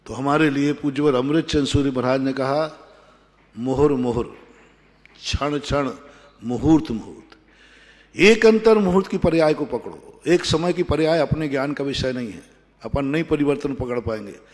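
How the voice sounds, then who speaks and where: A man giving a sermon as a Jain monk, emphatic and repeating his phrases with measured pauses. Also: on the high side. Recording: long hall reverb.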